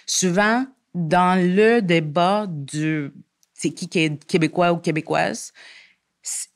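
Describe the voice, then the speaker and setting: A woman's voice: fairly low pitch, slow. Woman guest, French speaker, earnest and argumentative, restarts often mid-sentence. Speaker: guest columnist. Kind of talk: podcast interview conversation.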